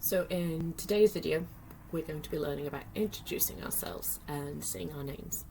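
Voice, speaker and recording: A woman with a notably low-pitched voice talks learners through a lesson, patient and step by step, with small fillers. A faint hum of room ambience sits behind her. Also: normal speed, creaky, warm tone. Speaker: sign language teacher. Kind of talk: friendly tutorial lesson.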